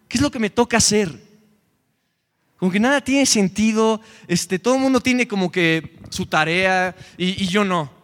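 A young Mexican man preaching a lively youth sermon, joking as he retells scripture. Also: high voice. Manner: animated, joking, retells scripture in quoted voices. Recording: long hall reverb.

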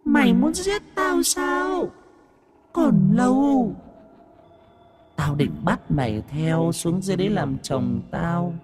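A man voicing a vengeful female ghost who taunts slowly and cackles. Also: high voice, lively intonation, a little mellow, soft background music, voice pushed up. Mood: mocking. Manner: slow mocking cackle.

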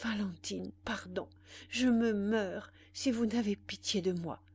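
A woman's voice: medium pitch, measured pace, a little mellow, husky. A woman voicing a desperate, passionate young man, pleading frantically. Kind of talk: audiobook dialogue reading.

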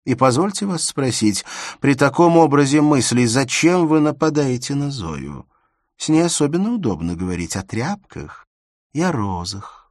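A man's voice: medium pitch, sing-song, normal speed, a little mellow, dry recording, studio quality, voice pushed up. A man reading aloud voices a serious young woman who asks pointed, cool questions.

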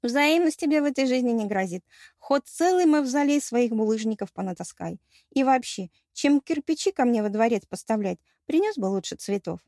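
A woman voicing a sharp-tongued, hot-tempered young goddess who scolds in a sarcastic, shrill way. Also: animated, moderate pace, dry recording, clean studio sound.

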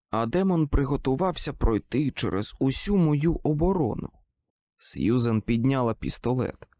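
A man narrating an audiobook in the first person, with expressive, dramatic storytelling. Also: mid-range voice, no echo.

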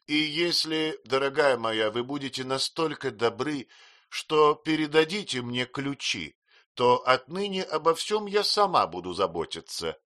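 A man voicing a stern, domineering older spinster who speaks in a loud, imperious, clipped voice. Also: medium pitch, expressive, a little slow, voice pushed up.

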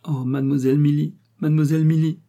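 A man's voice: medium pitch, moderate pace, warm tone, husky, natural voice. A man reading an audiobook, voicing an anxious, tender older woman innkeeper in a fretful, pleading tone.

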